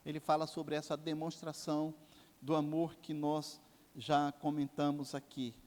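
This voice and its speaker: Older Brazilian pastor preaching in echoing hall. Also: male voice, a little high, completely flat delivery, a little slow, darkish tone. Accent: Brazilian Portuguese. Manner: impassioned preaching with sweeping rises and drops. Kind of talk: sermon. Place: church sanctuary. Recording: long church hall reverb.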